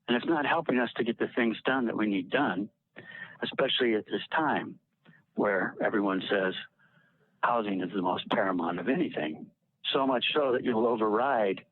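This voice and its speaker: A man's voice: medium pitch, slightly rough, dry recording. A man calling in on an old flip phone to make an earnest, urging public comment at a civic meeting. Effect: old flip phone call. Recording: tinny, dry flip phone line.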